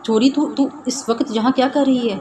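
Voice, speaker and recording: A woman doing a gruff, bossy young husband. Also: on the high side, steady tone, voice pushed up, lightly acted. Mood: brusque. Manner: curt, bossy. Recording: noisy background hiss.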